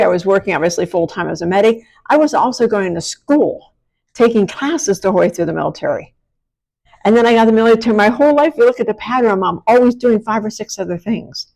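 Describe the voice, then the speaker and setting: A woman's voice: mid-range voice, a little mellow, poor audio. A middle-aged American woman with a slight speech impediment on her R and S sounds, the R leaning toward W, giving a frank, colloquial, self-deprecating motivational monologue. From small-town Pennsylvania, United States. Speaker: podcast host and women's empowerment coach.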